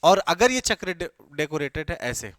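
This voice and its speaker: A man's voice: a little high, sing-song, normal speed, a bit bright, no room sound, clean studio sound. A male teacher giving an exam-coaching lecture. He keeps asking his class questions and answering them himself, mixing English terms into his talk. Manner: mixes English terms into Hindi.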